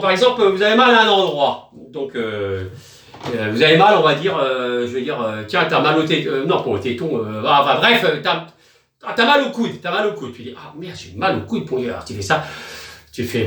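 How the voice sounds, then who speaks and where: A man's voice: on the high side, a bit bright, echoey room, recorded from a distance. A man chatting in a rambling, joking home video, with crude asides and chanted nonsense magic words. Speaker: video host.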